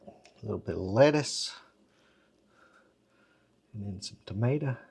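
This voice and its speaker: A man's voice: on the low side, animated, measured pace, creaky, a little mellow, husky. A man, talking in a folksy, homespun way as he cooks supper at home for a casual cooking video. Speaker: home cook host. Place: home kitchen.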